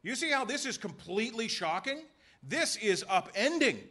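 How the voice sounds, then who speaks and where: A man preaching a sermon in a church, emphatic and full of rhetorical questions and quick voiced asides. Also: very high voice, very animated, sharp tone. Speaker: pastor. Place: church sanctuary.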